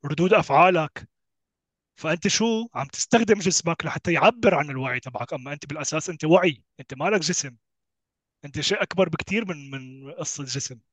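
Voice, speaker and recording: A man's voice: on the high side, expressive, fast, a bit bright, dry recording. A man, co-hosting a podcast and explaining ideas emphatically with rhetorical questions. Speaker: podcast co-host. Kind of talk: casual conversation about self-help.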